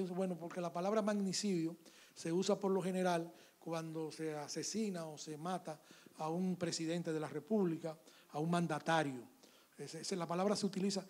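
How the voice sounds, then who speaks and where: Dominican man telling a story. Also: on the high side. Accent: Dominican Spanish. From Dominican Republic. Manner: animated anecdote, acts out dialogue. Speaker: author. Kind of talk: interview storytelling.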